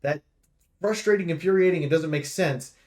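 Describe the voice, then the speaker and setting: Previewing a game like a streamer reviewing for his viewers, a man with a fairly high voice gives blunt, emphatic opinions in a casual style. He talks at a moderate pace and sounds a little mellow.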